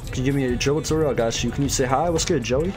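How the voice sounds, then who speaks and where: A man's voice: medium pitch, racing. A man streaming a video game and chatting casually in a slangy, hyped gamer bro manner. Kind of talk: casual gaming livestream chat. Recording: music playing behind. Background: music.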